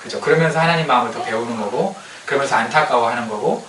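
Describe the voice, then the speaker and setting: A man's voice: medium pitch, fast talker, a crowd in the background. A male pastor preaching a conversational sermon, often checking with the congregation and dropping joking asides. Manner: conversational, keeps asking the congregation "right?". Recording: echoey room, distant mic, faint noise.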